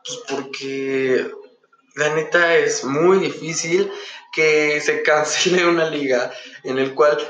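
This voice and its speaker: A man's voice: fairly high pitch, fairly bright tone. An eighteen-year-old man with a Mexican accent hosting a casual, chatty podcast in a campy, sassy, slangy manner. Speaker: podcast host. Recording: dull, echoey room recording.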